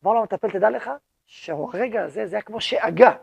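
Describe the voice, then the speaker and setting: A man's voice: high voice, vocal fry, a little mellow, breathy edge, dry recording. A man, the head rabbi of a yeshiva, giving a lecture to his students and repeating words for emphasis.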